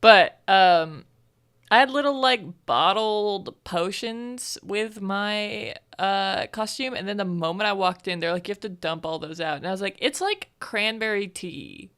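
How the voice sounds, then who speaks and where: A woman's voice: mid-range voice, unhurried, fairly bright tone, clear, resonant tone. A woman in her twenties, co-hosting a podcast in casual chat, telling stories in a rambling way full of fillers. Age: 20s. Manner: rambling, filler-heavy storytelling. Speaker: podcast co-host.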